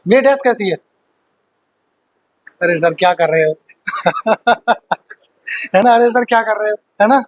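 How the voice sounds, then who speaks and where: A man's voice: sits high, low-quality recording. A man teaching an exam-prep grammar lesson, joking with his students, quizzing them and laughing often.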